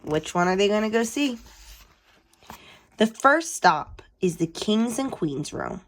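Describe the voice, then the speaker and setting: A woman host reading a storybook aloud for children, animated and asking her listeners questions. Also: mid-range voice, takes it slowly.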